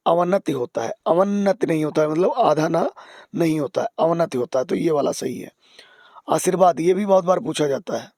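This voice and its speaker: A man teaching exam spelling, patient, repeating key words and dropping to soft asides. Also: fairly high pitch, no room sound, studio quality. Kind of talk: explaining spelling on screen.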